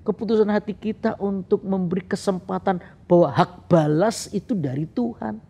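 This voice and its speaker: Male pastor, gravelly and fairly high, animated humorous preaching. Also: moderate pace. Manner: storytelling, animated, laughing at himself. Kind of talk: sermon with humorous personal story.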